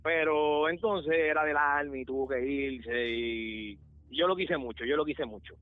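A man's voice: fairly high pitch, measured pace, dry recording. A man telling funny work stories on a podcast, animatedly acting out the people in them. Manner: animated, acts out other people's voices. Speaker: podcast guest storyteller. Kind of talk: comic storytelling. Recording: slightly dull, dry podcast mic.

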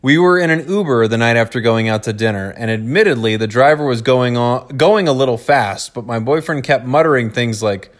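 A man co-hosting a podcast, chatting casually and reading out a listener's letter, now and then dropping into a quick joke voice. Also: mid-range voice, lively intonation. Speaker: podcast co-host.

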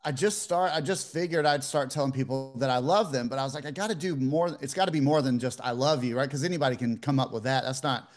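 A man in his fifties talks as a podcast guest, relaxed and rambling, with plenty of "you know"s. His voice is mid-pitched for a man. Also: fast talker, few pauses. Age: 50s. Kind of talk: casual interview storytelling.

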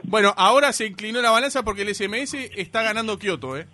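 A man with a Uruguayan accent hosting a lively radio show, building suspense and laughing often. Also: sits high, fast, slight background noise. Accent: Uruguayan Spanish. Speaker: radio host.

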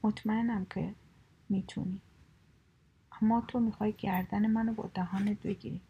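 Caring storybook swans, earnest and cautioning, woman narrator doing them, husky. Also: mid-range voice, steady tone, highs cut off. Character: two worried caring swans.

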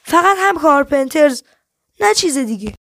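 A woman reading the lines of a sullen young girl who steals gum, speaking quietly and reluctantly. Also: high voice, big pitch swings, dry recording, studio quality. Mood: evasive.

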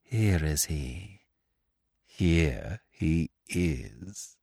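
A man puts on a scheming widow thirsting for revenge, gloating over a trapped enemy. Her voice swings wildly between shrill heights and hushed lows, every syllable pressed hard. The sound is close and dry, with no room around it. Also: big pitch swings, a little slow, gravelly, no echo, heavily acted. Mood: triumphant.

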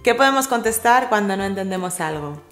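A woman co-hosts a bilingual English lesson at a middle pitch. She talks in a chatty, playful way with teasing asides. The recording has a roomy echo. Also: lively intonation, brisk, fairly bright tone, soft background music. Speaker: co-host of English lesson channel.

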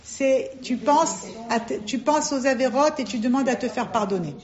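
A woman's voice: high-pitched, normal speed. A woman teaching a religious class to a group of women, emphatic and asking and answering her own questions. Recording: dull lo-fi recording.

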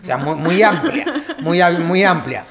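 A woman with an Argentine accent co-hosting a playful game chat, teasing and loud, stumbling over words when rushed. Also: on the low side, expressive, a loud crowd. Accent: Argentine Spanish. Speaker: co-host.

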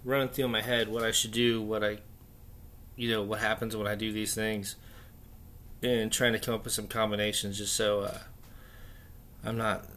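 A man hosting a casual, unscripted solo hobby chat, thinking aloud haltingly in an echoey, stripped-out bunker room. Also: on the low side, pushed and bright, a little hiss or hum. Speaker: podcast host. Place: echoey indoor room under renovation, torn-out walls.

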